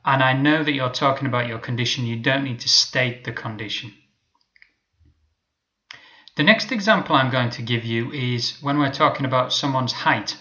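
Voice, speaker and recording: A man teaching an English lesson, explaining patiently and modelling example sentences slowly. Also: medium pitch, sharp tone, lo-fi sound.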